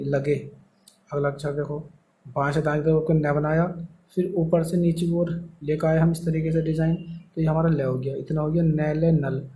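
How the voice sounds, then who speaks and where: A man's voice: a little high, warm tone, slight background noise, low-quality recording. A man teaching a shorthand lesson step by step, explaining patiently and answering his own questions.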